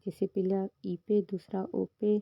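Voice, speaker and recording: A woman, the host of her own channel, who explains a grammar lesson in a steady, patient way and mixes English terms into her Hindi. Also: medium pitch, unhurried, gravelly, dry recording, muffled recording. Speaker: teacher.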